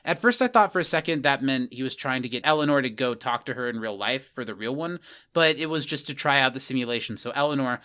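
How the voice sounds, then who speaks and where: Smooth-voiced man recapping an episode. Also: medium pitch, fast. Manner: animated recapping, acts out characters' lines. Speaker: podcast co-host. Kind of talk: casual rewatch podcast chat.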